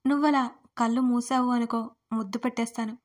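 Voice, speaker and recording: A woman's voice: a little high, fairly even intonation, fairly quick, close to an everyday voice. Brief: cocky young male college troublemaker, smug and teasing, sits close to her own register, as a woman narrator plays him. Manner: smug, teasing, sometimes whispering.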